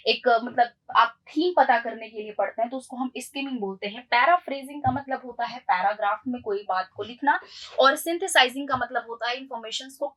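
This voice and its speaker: A woman's voice: high-pitched, fairly bright tone, rough recording. A woman teaching an exam-prep lesson online, going through quiz questions step by step and checking in with her students. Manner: explains step by step, checks in with "ठीक है".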